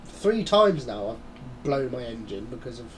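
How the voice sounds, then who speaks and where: Stuffed up from a head cold and breathing through his mouth, a gaming channel host rambles casually while playing a racing game. His medium-pitched voice moves through big pitch swings at a slightly slow pace, chatty and dotted with muttered asides. There's slight background noise.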